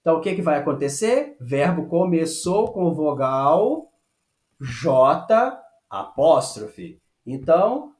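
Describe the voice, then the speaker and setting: A man teaching a French lesson, patiently checking with "ok?" and slowing down to model phrases. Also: fairly high pitch, very animated, a little mellow. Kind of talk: online language lesson. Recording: echoey room.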